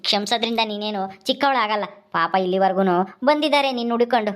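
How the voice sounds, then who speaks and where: A woman's voice: medium pitch, natural voice. A woman voicing an easygoing young husband who coaxes his wife to forgive in a family drama skit. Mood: coaxing. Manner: persuasive, quick.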